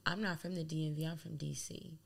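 Low-pitched, brisk and gravelly, the voice belongs to a young woman from Delaware, a DJ being interviewed as a guest. She chats casually and animatedly, rambling with lots of "like."

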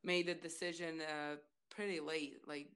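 A woman with a Latvian accent speaks in a low, smooth voice. She talks freely in a casual interview, repeating words as she looks for the next one. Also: flat delivery, measured pace, fairly bright tone. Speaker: interview guest, former college basketball player.

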